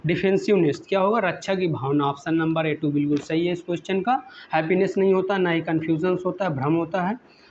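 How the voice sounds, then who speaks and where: A male teacher working through exam questions, reading each English question slowly, then explaining it in Hindi and asking his own prompts again and again. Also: high voice, steady tone, lo-fi sound, a little hiss or hum.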